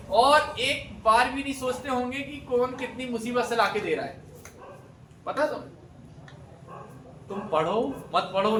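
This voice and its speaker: A man's voice: very high voice, a bit bright, slight background noise. A man teaching a classroom, quizzing his students and repeating their answers back to them. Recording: echoey room, voice from a distance.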